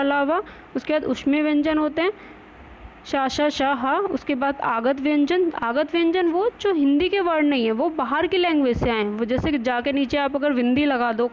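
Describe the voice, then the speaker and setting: A woman teaching a Hindi grammar lesson, who asks questions and answers them herself and mixes in English words. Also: high-pitched. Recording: dull lo-fi recording with faint noise.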